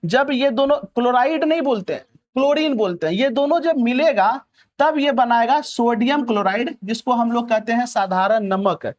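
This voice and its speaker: A man's voice: extremely high pitch, moderate pace. A young male teacher teaching chemistry. He asks a question, answers it himself, repeats the key words and keeps checking that the students understand. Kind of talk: chemistry lesson.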